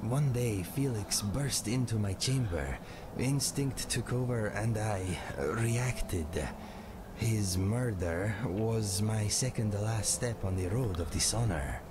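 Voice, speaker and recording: An actor playing a wry, melancholy former addict turned mercenary in a fantasy game, confessing in measured, formal speech. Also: male voice, lowish voice, noisy background. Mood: remorseful, resigned. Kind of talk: scripted fantasy game dialogue.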